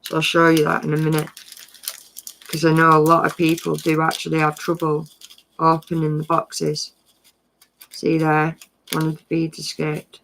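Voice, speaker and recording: A casual live-stream tutorial voice, rambling and friendly, full of small self-corrections. The tone is crisp and bright with a gravelly fry underneath. The pitch stays level with little rise and fall. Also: monotone, normal speed, pauses often, slight background noise, poor audio. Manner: gives friendly practical tips.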